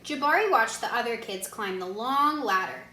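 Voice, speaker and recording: A woman reading a children's storybook aloud expressively, pausing to put questions to her young listeners. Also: fairly high pitch, expressive, bright, forceful tone, a little hiss or hum. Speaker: read-aloud narrator, teacher asking listeners questions. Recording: echoey room.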